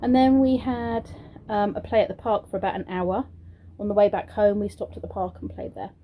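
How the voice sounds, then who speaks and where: With phone-quality sound, a young woman with a British English accent and a mid-range voice talks a little fast. She's a vlogger and childminder chatting casually to camera indoors at home, rambling with many ums and throaty, congested from a sore throat. Her tone turns sing-song when she praises the children.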